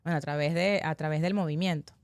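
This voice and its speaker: A woman's voice: deep voice, steady tone, fast talker, no echo. A woman who is a breathing specialist, joining a live online workshop and sharing thoughtful personal reflections.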